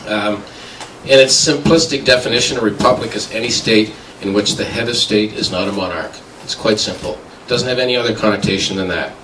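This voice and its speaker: A man getting over the flu, giving a halting debate speech full of filler sounds, picked up by a distant mic in an echoey hall. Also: on the low side, noisy background. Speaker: debater for a republic.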